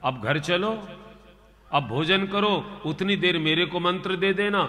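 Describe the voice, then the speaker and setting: Guy doing a naggy village wife, high-ish and bright, echoey hall. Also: unhurried. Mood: coaxing. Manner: nagging, matter-of-fact. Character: practical, scolding village wife.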